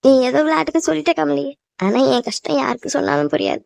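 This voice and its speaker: A woman's voice: sits high, big pitch swings, fast talker, creaky, darkish tone, dry recording, clean studio sound, heavily acted. A woman voicing a worried, loving cartoon mother who fusses and pleads with her newly married daughter. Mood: tearful. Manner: fussing, emotional, pleading. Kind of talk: cartoon voice acting.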